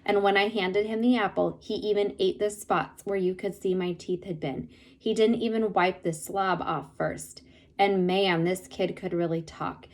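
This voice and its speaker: A woman's voice: mid-range voice, measured pace, rough recording. Woman reading a novel aloud. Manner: steady storytelling narration. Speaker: reader.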